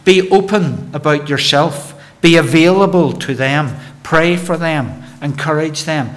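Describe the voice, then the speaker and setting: A man's voice: fairly high pitch, unhurried, a little hiss or hum. A male minister delivering a sermon in an earnest, exhorting way, often repeating words as he starts a phrase.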